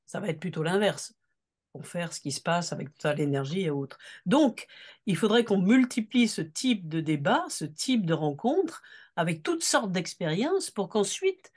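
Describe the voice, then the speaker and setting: A woman giving an unscripted political talk at a seminar, earnest and deliberate, leaning on key words. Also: lowish voice, animated, a little mellow, breathy edge. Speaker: seminar speaker.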